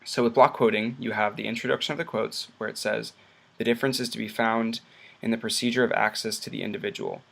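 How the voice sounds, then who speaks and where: A man narrating a slideshow lesson, explaining things plainly with occasional pauses and restarts. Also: on the low side, steady tone, creaky, fairly bright tone. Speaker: student presenter.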